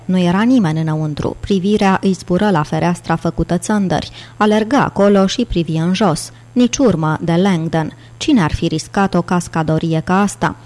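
A woman narrates a thriller audiobook with a fairly low voice. Her reading is steady and dramatic, and it holds an even pace through the action. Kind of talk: scripted narration.

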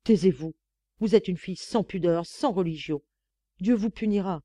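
A woman's voice: on the low side, moderate pace, mellow, dry recording, clean studio sound, close to an everyday voice. A woman reading an audiobook, voicing a stern, sanctimonious nun who speaks with cold dignity. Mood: severe. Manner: dignified, severe, preaching.

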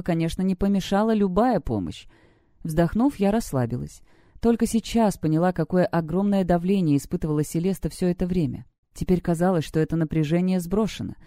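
Mellow-voiced woman reading a story. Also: on the low side, no room sound, clean studio sound. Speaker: audiobook reader. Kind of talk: scripted story narration.

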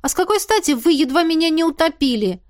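A woman voicing a bold, impulsive young female student mage who talks back quickly. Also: very high-pitched, expressive, voice pushed up. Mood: indignant.

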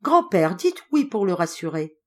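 A woman's voice: medium pitch, sing-song, unhurried. A shy, tender girl of seventeen who stumbles over her words, as a woman reader puts her on. She talks in short, hesitant bursts in a storybook reading. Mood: eager. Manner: hesitant, faltering.

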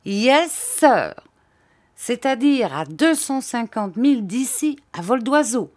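A woman reading aloud who voices an excitable young English male inventor, exclaiming in loud, feverish outbursts. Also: on the low side, slow pace, dry recording, studio quality.

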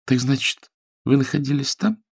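A man voicing a spirited, quick-tempered young woman who answers with sharp, exasperated retorts. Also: mid-range voice, animated, creaky, breathy edge, no echo, clean studio sound, voice pushed up. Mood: puzzled.

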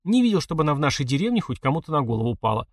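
A man's voice: on the high side, sing-song, very fast, dry recording, studio quality, voice pushed up. A man voicing a sulky stubborn village boy. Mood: defensive. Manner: snappish, grumbling.

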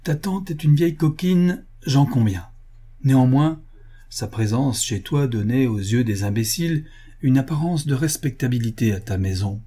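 A man's voice: mid-range voice, lively intonation, moderate pace, dark tone, slightly rough. A man voicing an old family lawyer and guardian who talks in a blunt, scolding, fatherly way, proud of old nobility.

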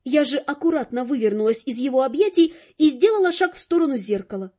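High-voiced woman narrating an audiobook. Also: fast talker. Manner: lively, expressive. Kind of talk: first-person audiobook narration. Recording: dull lo-fi with faint music.

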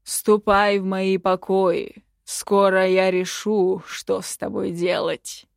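A woman voicing a domineering, cruel male emperor who gives slow, loud, imperious commands. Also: mid-range voice, little pitch movement, creaky, no room sound, clean studio sound.

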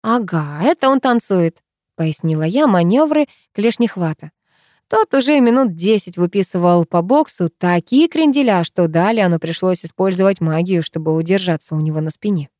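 A woman reading a first-person fantasy audiobook in an even storytelling manner. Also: fairly low pitch, normal speed, dry recording, studio quality. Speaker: audiobook narrator.

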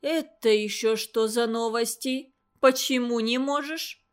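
Woman putting on a harsh old tutor who shouts at pupils. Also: on the high side, a little slow, natural voice. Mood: angry scolding. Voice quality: harsh, scolding. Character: huge cruel old woman tutor, furious and shrill.

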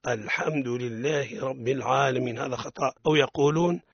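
A man's voice: medium pitch, a little fast, breathy edge, no room sound. A man teaching the rules of Quran recitation on a radio lesson, pointing out mistakes and then modelling the correct pronunciation. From Tunisia. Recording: dull lo-fi radio sound.

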